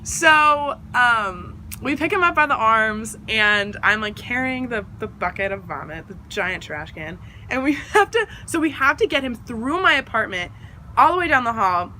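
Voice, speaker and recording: A woman's voice: fairly high pitch, normal speed, slight background noise. A young adult woman telling a casual storytime, rambling with lots of fillers and acting out what other people said. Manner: rambling, filler-heavy, animated quoting of others. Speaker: vlogger.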